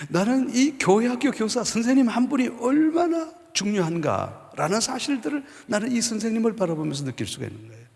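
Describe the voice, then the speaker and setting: A man in his fifties, a pastor, giving an animated storytelling sermon testimony in a church. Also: sits high, gravelly. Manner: animated storytelling, acts out quoted voices. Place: church sanctuary. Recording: long church hall reverb.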